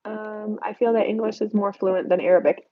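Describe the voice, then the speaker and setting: A woman's voice: medium pitch, steady tone, fast talker, dry recording, muffled recording. Congested, nasal young woman chatting live. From United States. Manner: chatty and candid, reads out comments. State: congested from allergies. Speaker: YouTuber answering viewer questions. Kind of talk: casual live-stream Q&A. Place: home desk.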